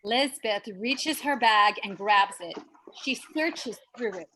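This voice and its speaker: A woman's voice: medium pitch, expressive, takes it slowly, bright, forceful tone, a little hiss or hum, poor audio. A woman reading out stage directions for an audio drama, matter-of-fact with wry asides. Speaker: narrator.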